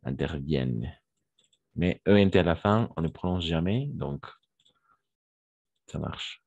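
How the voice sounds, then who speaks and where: A man's voice: low-pitched, unhurried, vocal fry, a little mellow, dry recording, dull audio. A man teaching a French grammar lesson online, patiently repeating verb forms and praising his students.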